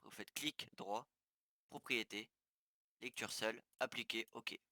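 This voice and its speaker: A man with a mid-range, sharp-toned voice speaks at a measured pace, recorded dry with clean studio sound. As a gaming tutorial YouTuber in a casual screen recording, he leads viewers through settings step by step, often using fillers and restarting.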